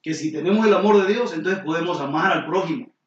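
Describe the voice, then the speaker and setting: Pastor man preaching, kinda high voice, echoey church from far off, muffled lo-fi. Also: quick pace, slight background noise. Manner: animated storytelling, sudden exclamations, rhetorical questions to the congregation. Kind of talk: sermon. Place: church sanctuary. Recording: roomy hall, distant mic, dull and lo-fi.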